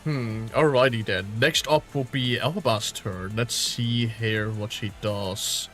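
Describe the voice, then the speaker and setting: A man's voice: fairly low pitch, slow pace, fairly bright tone, faint music behind. A man acting as game master who narrates a tabletop game in a casual, rambling way and swears lightly now and then.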